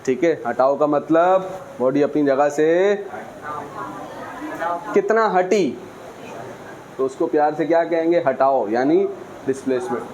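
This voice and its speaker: A man's voice: a little high, unhurried, pauses often, a little mellow, slight background noise. A man teaching a physics lesson, who keeps asking his students questions and answering them himself. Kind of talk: classroom lecture.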